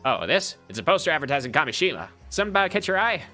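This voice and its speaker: A man's voice: fairly high pitch, big pitch swings, rapid-fire, pushed and bright, soft background music, full character voice. A man voicing a somewhat nerdy male police detective in a game, with a friendly, chatty manner. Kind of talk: game voice-over by a streamer.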